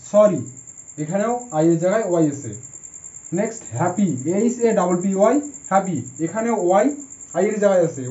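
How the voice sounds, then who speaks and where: A man's voice: high-pitched, warm tone. A man teaching English spelling rules in a patient manner, spelling words out letter by letter. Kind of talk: explaining a lesson step by step. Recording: dull, echoey room.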